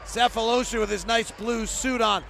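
A man doing live basketball play-by-play, in clipped running descriptions that burst into excited calls. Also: extremely high pitch, moderate pace, gravelly, a faint crowd. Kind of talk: live game commentary. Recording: noisy arena sound. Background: gym noise, bouncing basketball.

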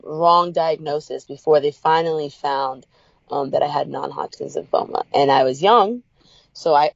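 A young adult woman as an interview guest, telling a personal story with upbeat energy and lively quoted voices. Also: dry recording, muffled recording. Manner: upbeat storyteller, acts out quotes with big pitch jumps.

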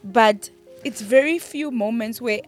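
A young woman, a podcast guest, speaking earnestly and emphatically about grief, with soft music underneath. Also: fairly high pitch, measured pace. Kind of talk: emotional interview.

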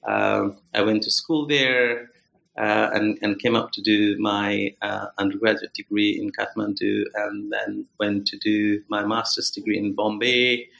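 Guest academic from Nepal, a man with a gravelly voice, halting and full of "uh"s, recorded in an echoey room. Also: lowish voice, little pitch movement, a bit bright, highs cut off. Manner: hesitant, many fillers and restarts. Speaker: guest author, anthropologist. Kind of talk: podcast interview.

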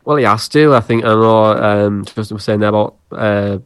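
Man, fairly low voice, chatty fan pundit, emphatic repetition, dry sound. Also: steady tone, moderate pace, clear, resonant tone, no echo. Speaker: football fan podcaster. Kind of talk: casual sports chat.

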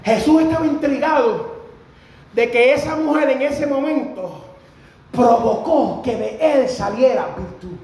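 A man preaches with fervor in a very high voice, pushing up into shouts on his key lines. The sound rings through a very echoey church hall. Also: measured pace. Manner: fervent, rising to shouts on key phrases. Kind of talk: sermon. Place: church sanctuary.

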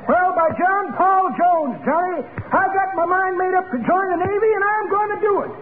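A man's voice: very high-pitched, moderate pace. An actor playing a feisty, folksy old man full of salty boasts in 1940s radio comedy style. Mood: folksy, boastful. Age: older. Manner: folksy, boastful, calls people daughter and kids. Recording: noisy, tinny 1940s radio recording.

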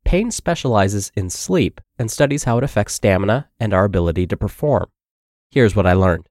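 A man's voice: on the low side, a little mellow, no room sound, clean studio sound. A man hosting a health podcast with a congested voice, upbeat as he reads a blog article aloud. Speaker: podcast host and narrator.

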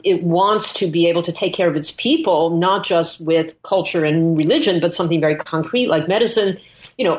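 A woman speaking as an interviewed scholar, explaining her subject off the cuff and thinking aloud, often correcting herself as she goes. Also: on the low side.

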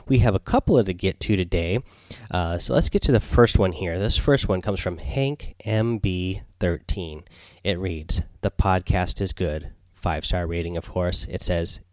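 Quiet, low-voiced man podcasting at night. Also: no room sound. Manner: quiet, subdued late-night delivery, holding back so as not to wake others. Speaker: solo podcast host. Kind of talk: casual gaming podcast talk. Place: small home recording space near bedrooms.

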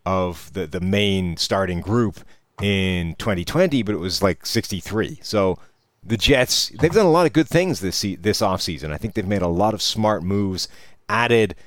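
A man with a low voice gives conversational sports analysis as a co-host. The sound is close and very dry, with little room around him. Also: no echo.

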